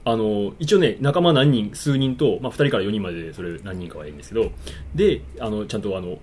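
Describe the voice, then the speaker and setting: A man telling a story in casual chat, acting out his own panicked shouts. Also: lowish voice, animated, quick pace, slight background noise.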